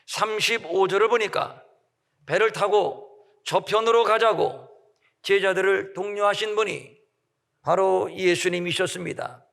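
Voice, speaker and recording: Gravelly-voiced male pastor preaching. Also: high voice, fairly even intonation, fairly bright tone. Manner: measured, emphatic preaching with dramatic pauses. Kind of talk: sermon. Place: large church sanctuary. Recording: long hall reverb.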